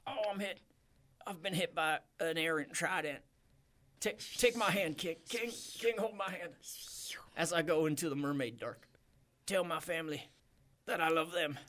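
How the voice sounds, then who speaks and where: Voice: mid-range voice, normal speed, long pauses, a bit bright, voice pushed up, close to an everyday voice. A performer voicing a wounded merman mayor in improvised comedy, gasping out a dramatic dying farewell. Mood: dying, pleading. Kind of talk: improvised comedy role-play.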